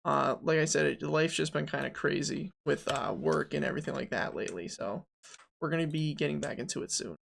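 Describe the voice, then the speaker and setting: Gravelly-voiced male game dev streamer. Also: a little high, brisk, fairly bright tone, a little hiss or hum. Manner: chatty, thinks aloud, reads and answers chat. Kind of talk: casual live-stream chat while modeling.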